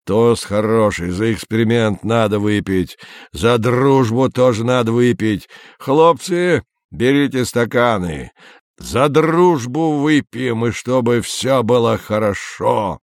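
A man's voice: medium pitch, lively intonation, slow, no echo, studio quality. A man voicing a kindly older man who speaks in a soothing, folksy way in a storybook reading.

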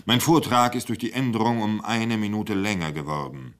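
A man's voice: fairly low pitch, fairly bright tone, pitched above the performer's own voice, natural voice. Man voicing a mournful, vain old essayist. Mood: self-pitying. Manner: slow, mournful, theatrical pauses. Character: vain, self-pitying older male essayist.

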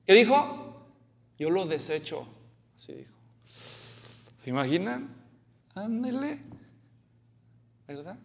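A man preaching an expository sermon. He talks in an animated way, asks the congregation questions and acts out the quotes. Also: a little high, unhurried, gravelly, pauses often, slight background noise.

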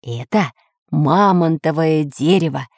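A woman voicing an excitable male professor in a storybook reading, with urgent, eager exclamations. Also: deep voice, slow, no room sound, studio quality, heavily acted. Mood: explaining.

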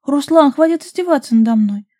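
A teasing, excitable young heroine of a romance audiobook, as a woman reader puts her on. Her voice rises high and loud, mellow and warm in tone, with a dry close sound. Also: fairly quick, no echo. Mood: indignant.

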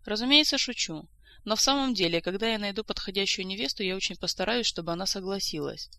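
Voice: medium pitch, fast talker, gravelly, bright, forceful tone. An audiobook reader voicing a joking, playful young king from a fantasy tale. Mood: teasing. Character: jovial teasing young male king.

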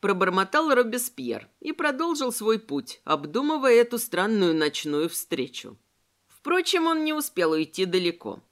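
A woman with a medium-pitched voice narrates an audiobook from a script, telling the story in a measured yet expressive way.

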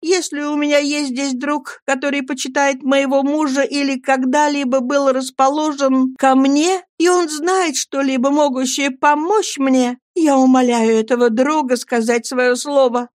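A woman voicing a gentle young wife who pleads earnestly and with fervour, in an audiobook. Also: high voice, steady tone, a little slow, few pauses, no echo, clean studio sound, voice pushed up. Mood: pleading. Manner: fervent, pleading.

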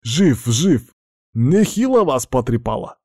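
A man voicing a gruff, loyal male guard commander in an audiobook, barking loud urgent orders. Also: medium pitch, big pitch swings, takes it slowly, dry recording, clean studio sound, voice pushed up, full character voice.

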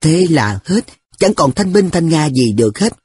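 Man reading a novel, breathy, slightly high, lively. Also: moderate pace. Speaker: audiobook narrator.

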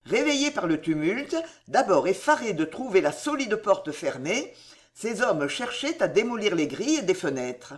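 An audiobook narrator reading a historical adventure novel in a measured, expressive storytelling manner. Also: medium pitch.

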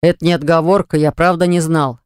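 A woman's voice: deep voice, fairly even intonation, a little fast, darkish tone, smooth, dry recording, clean studio sound, natural voice. A woman voicing a terse, defensive grown man. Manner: terse, sighing. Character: gruff grown man, eldest brother, defensive.

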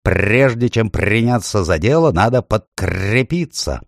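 Old raven from a storybook, slow croaky voice, loves sayings, man putting it on. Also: fairly low pitch, animated, no room sound, clean studio sound, voice pushed up. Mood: sage. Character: wise old talking raven fond of proverbs.

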